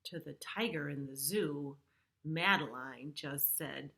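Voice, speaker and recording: A middle-aged woman working as a preschool storyteller reads a picture book aloud to young children, tossing in simple explanatory asides. Her low-pitched voice moves slowly, with vocal fry, and sounds pushed and bright.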